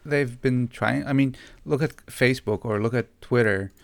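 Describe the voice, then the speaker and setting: A man's voice: mid-range voice, moderate pace, vocal fry, no room sound. A man co-hosting a podcast, chatting casually and slipping into joking, mock-dramatic rants. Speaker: podcast co-host. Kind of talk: casual chat.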